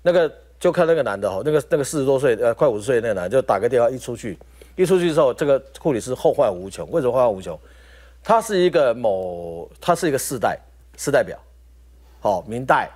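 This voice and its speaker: A man with a Taiwanese Mandarin accent, a talk show guest telling a story in an animated way. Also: medium pitch, fast.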